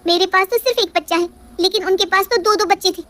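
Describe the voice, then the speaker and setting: A woman's voice: extremely high pitch, fast talker, a bit bright, voice pushed up. A woman voicing a tired, upset young wife who pleads and complains in a storybook reading. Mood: pleading.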